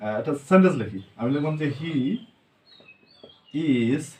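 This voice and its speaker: A Bangladeshi man teaching English grammar, asking questions and answering them himself, sounding words out slowly. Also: on the high side, big pitch swings, mellow. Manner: asks and answers his own questions, slow word-by-word drilling. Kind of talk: spoken grammar lesson with questions to students.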